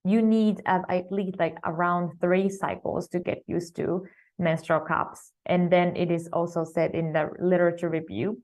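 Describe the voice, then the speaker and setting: Woman, student presenter, fairly low voice, halting delivery full of fillers. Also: fairly even intonation, a little mellow. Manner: hesitant, many fillers and restarts. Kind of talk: academic research presentation.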